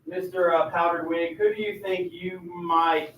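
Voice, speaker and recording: A man teaching a class, his voice high and bright as he directs students through a role-play. he sounds upbeat and keeps prompting them along. the room echoes, and he is heard from some distance away from the mic. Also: little pitch movement, measured pace. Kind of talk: classroom coaching.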